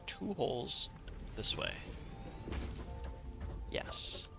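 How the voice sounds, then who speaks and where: Over music, a man livestreams a factory-building game, talking very slowly. He thinks aloud and tosses playful asides to himself as he comments on the gameplay.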